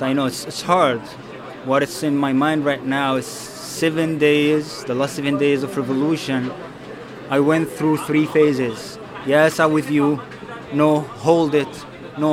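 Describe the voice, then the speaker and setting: A man in his thirties from Egypt speaking hesitantly, with many fillers. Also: mid-range voice. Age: 30s. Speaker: interviewee. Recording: crowded cafe chatter behind.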